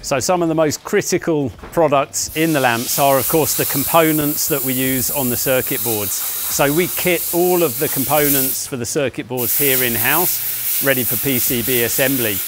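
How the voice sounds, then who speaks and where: Man guiding a factory tour. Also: mid-range voice. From England. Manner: measured, explanatory, with frequent "uh" fillers. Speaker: company founder giving a factory tour. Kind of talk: guided walking tour presentation. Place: large indoor offices and factory floor. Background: faint music.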